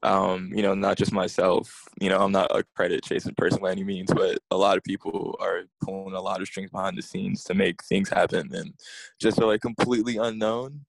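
A man's voice: low voice, level tone, fairly quick, gravelly, dry recording, rough recording. A man, a guest chatting casually and laid-back, with a self-deprecating manner. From Queens, New York. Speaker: guest, music blogger. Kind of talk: casual interview chat.

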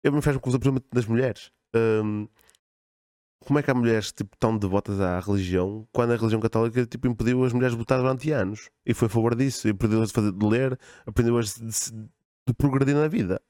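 A man's voice: mid-range voice, fast, mellow, dry recording, clean studio sound. A man with a European Portuguese accent in a casual debate, speaking emphatically and repeating his phrases for weight. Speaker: podcast host.

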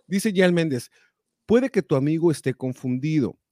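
A man with a fairly high, mellow voice hosts a talk show. He reacts to viewer comments in an animated, exclamatory way. The sound is dry and close. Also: moderate pace, no room sound. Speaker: show host. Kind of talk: live show chat reading viewer comments.

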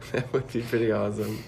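A man's voice: lowish voice, creaky, background noise. A man co-hosting a podcast, riffing on absurd jokes in casual banter. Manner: joking, riffing on absurd scenarios. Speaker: podcast co-host.

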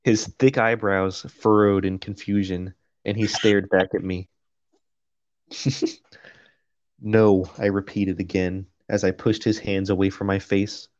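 A man with a lowish voice reads a novel aloud at an unhurried pace, dropping out of the text for crude jokes and laughs. His voice sounds slightly muffled, close and dry with no room echo. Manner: reads prose flatly, breaks off for profane jokes and laughter. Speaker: podcast co-host reading a novel aloud. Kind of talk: casual chat and reading aloud.

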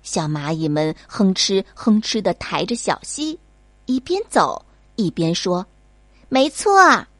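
Slow sing-song bedtime storyteller woman. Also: on the low side, very animated, no echo. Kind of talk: bedtime story narration for children.

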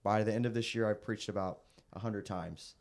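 A young man preacher sharing his testimony in a casual interview, earnest and halting with frequent restarts. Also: lowish voice, darkish tone. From raised in the Philippines, American. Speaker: guest preacher.

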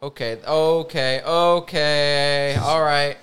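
A man who is a podcast guest, joking loudly and swearing during a hot sauce trivia game. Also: fairly high pitch, fairly even intonation, slow pace. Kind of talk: casual chat with drinking game.

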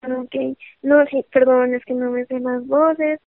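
A woman's voice: high-pitched, level tone, slow pace, no echo. A woman asking questions apologetically in casual podcast chat. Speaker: podcast co-host. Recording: phone-like dry call audio.

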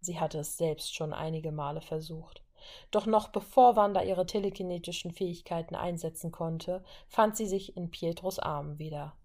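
Woman reading a fanfic audiobook, lowish voice, steady. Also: normal speed. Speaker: narrator. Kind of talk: audiobook narration of fan fiction.

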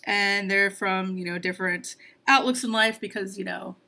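A woman's voice: medium pitch, steady tone, normal speed, creaky, sharp tone. A woman co-hosting a casual book discussion podcast, making dry, sarcastic asides. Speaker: book club podcast co-host. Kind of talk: casual chat.

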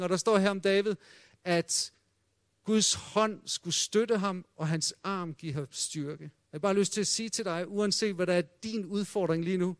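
A man preaching a sermon in a high, light voice, telling the old stories with drama. He drops almost to a hush when he quotes the voices in them. The sound is dry and close, with no room echo. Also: smooth.

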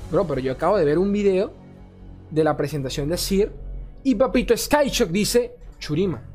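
A lively man talks through game cards in an offhand, chatty review. He curses freely, gets worked up and trips over names he can't recall. Faint music plays underneath. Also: high voice, moderate pace. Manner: animated, swearing, ranting, often stumbling over forgotten names. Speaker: card game content creator. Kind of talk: casual card review commentary.

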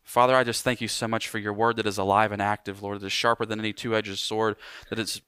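Casting: young male pastor, bright and forceful, dry close sound, animated sermon delivery. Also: lowish voice, smooth, no echo. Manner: animated preaching, slows for emphasis.

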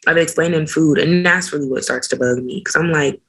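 A young woman with a low voice co-hosts a casual podcast. She tells stories in an animated, opinionated way. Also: brisk, slightly rough, low-quality recording. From Barbados heritage, raised in America. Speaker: podcast co-host. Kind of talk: casual chat.

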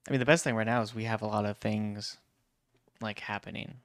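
A man's voice: fairly low pitch, fairly even intonation, fairly quick, fairly bright tone, no echo, clean studio sound. A man co-hosting a casual podcast, laid-back and agreeable. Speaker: podcast co-host. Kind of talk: casual chat.

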